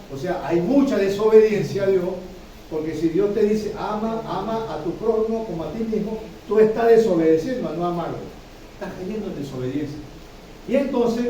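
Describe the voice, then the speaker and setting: A pastor with a high, warm voice preaches a sermon in a church hall, repeating himself and constantly checking in with listeners by asking "¿sí?". The audio is dull and echoey, picked up from far off, with slight background noise.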